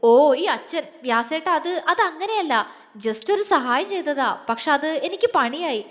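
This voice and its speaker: Woman reading as a cheeky young guy, pleading then gloating, high voice, echoey. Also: expressive, a little slow, a bit bright. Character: pleading mischievous young man. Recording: long reverb.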